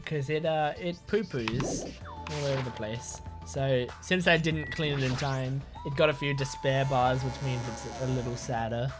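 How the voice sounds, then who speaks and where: A casual gameplay commentator who chats about what they are doing on screen, rambling and filling pauses with little ums and uhs. Game music plays faintly underneath, and the voice sits in the middle pitch range. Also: fairly even intonation. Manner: chatty, rambling, with fillers.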